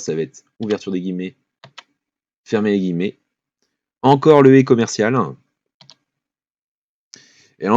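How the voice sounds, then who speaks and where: A man narrates a spreadsheet tutorial in a fairly low voice. He talks in a loose, thinking-aloud way, with fillers and quick apologies as he clicks along. The recording is dull and lo-fi, with keyboard typing behind him. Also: a little mellow, dry recording. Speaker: finance tutorial host.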